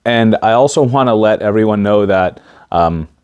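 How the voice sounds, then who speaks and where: Male movie-review vlogger, lower register, casual and halting, stiff-mouthed after wisdom teeth surgery. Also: a little mellow, smooth, highs cut off. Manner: stiff-mouthed speech after wisdom teeth removal, limited facial mobility. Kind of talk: casual talk to camera.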